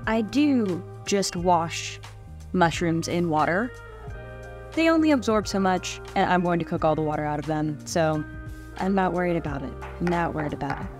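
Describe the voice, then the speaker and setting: Cooking indoors at home, a young woman vlogs with dry, self-mocking humor as she chats. Her voice sits on the low side with a darkish tone.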